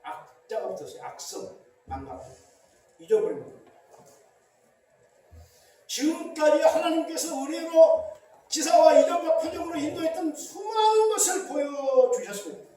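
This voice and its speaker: A middle-aged Korean pastor preaching a sermon with emphatic rhetorical questions, recorded in a large church hall. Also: male voice, very high-pitched, very animated, normal speed, long pauses, dark tone, slight background noise. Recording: very echoey church hall, distant mic.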